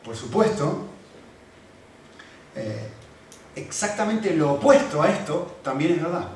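A man preaching a sermon in an animated, emphatic way, repeating phrases for emphasis. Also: fairly high pitch, takes it slowly. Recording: echoey room from far off, faint background noise.

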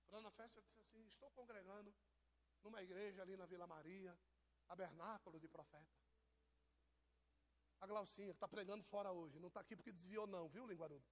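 A high-pitched man delivers a loose, chatty sermon. He teases and jokes with people in the pews as he preaches. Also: steady tone, fairly quick, long pauses. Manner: teasing, jokey, addresses people in the pews. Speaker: pastor. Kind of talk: informal sermon to a congregation.

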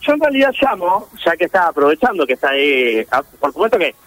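A man with a Rioplatense accent calling in to a radio show, telling a story in an excitable, playful way. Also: fairly high pitch, fast talker, dry recording, poor audio. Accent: Rioplatense Spanish. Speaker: caller. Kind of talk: phone-in chat on radio.

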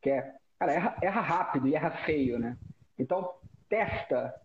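A Brazilian man with a broken nose speaking as a guest in a casual, reflective conversation, in a halting way that often repeats words and phrases. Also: on the high side, expressive. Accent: Brazilian Portuguese. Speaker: interview guest. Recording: dull audio with background noise.

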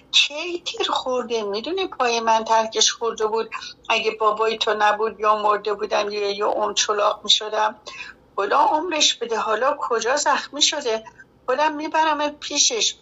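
Brief: fatherly army commander in a storybook, read by a woman, bright gravelly voice, husky edge. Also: a little high. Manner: fatherly, emotional. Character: kindly middle-aged male front commander. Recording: dull lo-fi recording.

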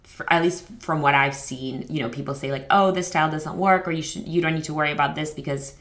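A woman's voice: deep voice, steady tone, quick pace, a bit bright. A woman hosting a parenting podcast, talking candidly in a rambling, conversational way, with lots of fillers and quoted self-talk. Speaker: podcast host. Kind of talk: casual conversational interview.

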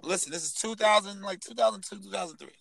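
A man co-hosting a casual podcast, telling a story in an animated way with lots of profane slang. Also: sits high, fast, vocal fry, no echo, rough recording. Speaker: podcast co-host. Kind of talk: casual heated chat.

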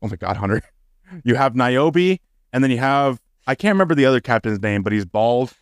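Male podcast co-host, mid-pitch, dry close mic, profane and ranting when worked up. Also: animated, a little fast, smooth, dry recording. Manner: profane, ranting, gets loud and high when exasperated. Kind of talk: casual podcast chat.

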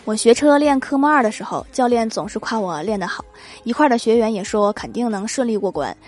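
Young woman reading out funny stories, kinda high voice, soft music behind, acts out the lines. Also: quick pace. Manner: lively storytelling, acting out quoted lines, laughing at punchlines. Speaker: host reading funny anecdotes. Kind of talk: scripted comic narration. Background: background music.

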